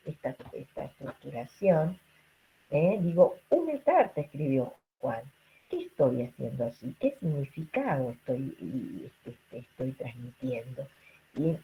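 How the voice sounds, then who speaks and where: A woman's voice: extremely low pitch, vocal fry, dark tone, a little hiss or hum, low-quality recording. A woman giving an online lecture to students over a video call. She keeps checking in with her listeners through rhetorical questions and fillers. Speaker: linguistics lecturer.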